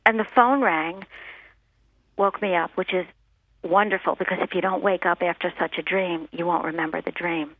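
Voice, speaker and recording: A woman's voice: lowish voice, steady tone, normal speed, no room sound. Woman medium on a tinny phone line. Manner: earnest, reassuring, fond of "you know". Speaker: medium, guest author. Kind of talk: phone-in interview. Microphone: telephone. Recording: narrow telephone line.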